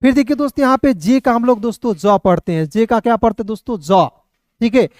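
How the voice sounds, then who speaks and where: A man teaching an English phonics class, spelling out letters slowly and calling his viewers "friends" over and over. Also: very high voice, a little mellow, no room sound, clean studio sound. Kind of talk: classroom lesson.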